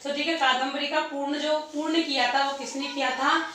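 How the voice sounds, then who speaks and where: Echoey woman teacher, high and bright. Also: fairly even intonation, moderate pace, a little hiss or hum. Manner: repeats points, asks and answers own questions. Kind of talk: exam-prep lecture. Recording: echoey room, distant mic.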